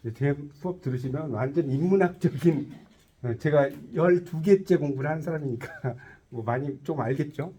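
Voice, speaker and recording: A man's voice: a little high, normal speed, mellow, a little hiss or hum. A man teaching a tarot lecture to a class, quizzing his students and cracking jokes as he explains. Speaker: tarot instructor.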